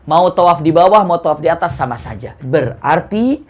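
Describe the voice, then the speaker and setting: A young man, preaching a sermon as an animated storyteller who swings his pitch and loudness. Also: fast talker. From Indonesia. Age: young adult.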